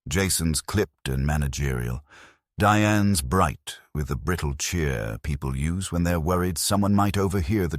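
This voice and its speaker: An older man narrating a first-person story in a measured, even-toned way with long flowing sentences. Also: extremely low pitch, dry recording, studio quality.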